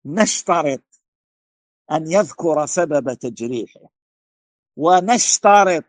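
A man speaking as a religious scholar, with a high voice that swings widely and rises to emphatic declarations. His tone is gravelly. He repeats rhetorical questions and stumbles over words, heard dry and close. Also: no echo. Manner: emphatic, rising to forceful declarations. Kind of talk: answering a question in a religious lecture.

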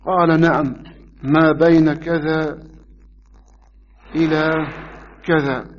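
A man teaching a religious lesson, taking his time and leaning on the words that matter. His voice sits a little high for a man. The recording is dull and lo-fi. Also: flat delivery, slow, slight background noise. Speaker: hadith teacher. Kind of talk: religious lesson explaining hadith.

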